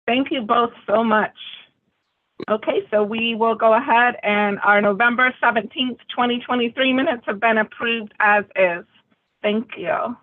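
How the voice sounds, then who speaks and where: A woman's voice: on the high side, fairly even intonation, measured pace, phone-quality sound. A woman chairing an online meeting, friendly and welcoming as she runs through the agenda. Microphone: video call.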